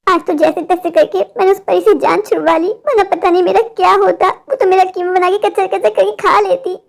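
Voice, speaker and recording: Woman voicing a high-voiced flustered man. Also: fairly even intonation, fairly quick, gravelly. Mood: frightened. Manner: flustered and muttering asides to himself. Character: lecherous, cowardly married man. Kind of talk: animated horror story voice acting.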